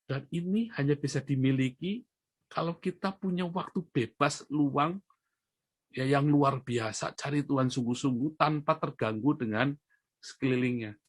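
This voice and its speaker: A man of ordinary pitch preaches to his congregation in a storytelling way. He pushes up into loud, high emphasis on his main points and sinks into soft, low asides in between. The sound is close and dry, with no room echo. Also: normal speed. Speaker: pastor. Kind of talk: sermon.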